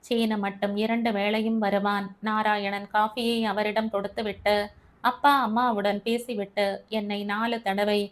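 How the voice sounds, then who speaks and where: A woman narrating a first-person short story in a measured, steady reading. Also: mid-range voice.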